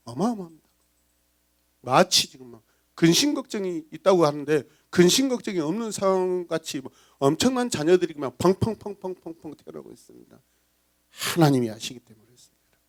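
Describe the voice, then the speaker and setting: A man preaching a Sunday sermon as pastor, animated and dramatic, acting out voices and breaking into song. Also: on the high side. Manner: animated preaching, bursts into sung praise; acts out villagers' gossip in voices.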